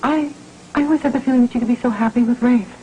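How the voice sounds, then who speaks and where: A woman's voice: a little high, racing, warm tone, close to an everyday voice, low-quality recording. Woman acting as a worried wife, earnest and chatty, old tv soap audio with faint hiss. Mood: concerned. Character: worried loyal wife of a football player. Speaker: actress in a soap opera.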